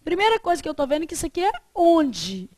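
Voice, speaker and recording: A woman teaching a Portuguese grammar lesson, lively, asking the class questions and answering them herself. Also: very high-pitched, fast talker, dry recording.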